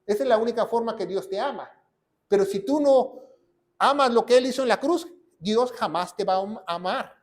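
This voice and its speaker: Fiery high-voiced male preacher. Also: normal speed. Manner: fiery, rhetorical questions, repeats phrases. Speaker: pastor. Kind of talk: sermon.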